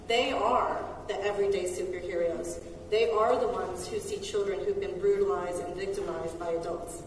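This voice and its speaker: A woman giving formal, measured testimony as a city official, recorded in a council hearing chamber. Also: medium pitch, a little mellow, slight background noise. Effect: council hearing-room recording. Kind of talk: reading a prepared statement at a hearing. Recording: echoey hall from far off.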